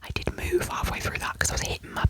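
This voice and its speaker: Woman in whispered role-play, close and soft. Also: fast talker, poor audio. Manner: soft whispering with frequent asides and self-corrections. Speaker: ASMR creator reading and judging online posts.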